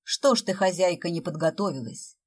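A woman's voice: on the low side, expressive, a little fast, husky. A woman voicing a playful man who teases with mock-theatrical lines, in a storybook reading. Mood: teasing. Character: teasing joker man playing Father Frost.

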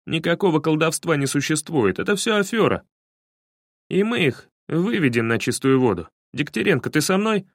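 A man's voice: a little high, sing-song, normal speed, hardly any pauses, no echo, clean studio sound. A man playing a bold, bossy young schemer. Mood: confident. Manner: commanding, scornful.

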